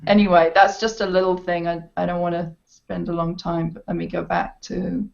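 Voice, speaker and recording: A woman's voice: lowish voice, level tone, moderate pace, gravelly, darkish tone. A woman playwright chatting over a video call, friendly and a little apologetic. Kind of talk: casual chat. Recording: dull lo-fi video call audio.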